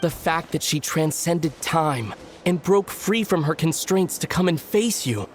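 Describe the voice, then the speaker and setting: A man's voice: a little high, lively intonation, unhurried, slight background noise. A man playing a supportive, sincere young male companion in a video game. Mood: sincere, reassuring. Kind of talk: scripted video game voice acting.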